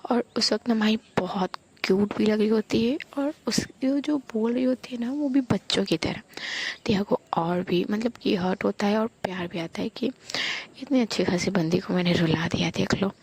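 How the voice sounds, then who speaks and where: A woman narrating a romantic audio story in a soft, intimate whisper. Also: medium pitch, moderate pace, husky.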